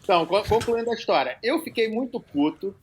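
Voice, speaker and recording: A man's voice: high voice, lively intonation, a little fast, a little hiss or hum. A middle-aged man guest on a podcast, telling loose, profane anecdotes in casual chat.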